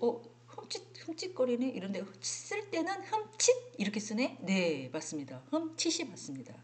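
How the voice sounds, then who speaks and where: Korean lady teacher lecturing adults, animated voice, acts out examples, lots of um and uh. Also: mid-range voice. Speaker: instructor.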